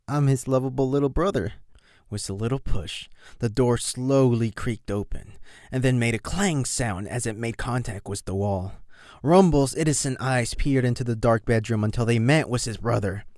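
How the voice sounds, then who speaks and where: A man narrating a fan fiction audiobook in an expressive reading style. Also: medium pitch, normal speed, dry recording, studio quality. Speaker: reader.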